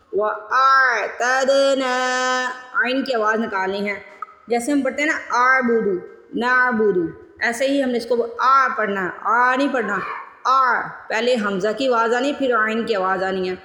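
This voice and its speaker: A woman teaching Quran recitation, chanting words slowly and drawn out between quick explanations. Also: fairly high pitch, sharp tone. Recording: echoey room with long reverb.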